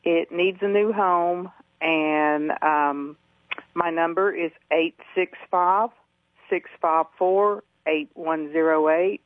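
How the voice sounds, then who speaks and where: Woman, over the phone, call-in caller, unhurried, slightly low voice, dry tinny line. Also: fairly even intonation, no room sound. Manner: hesitant, reads out her number twice. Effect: heard over the phone. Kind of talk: call-in classified listing.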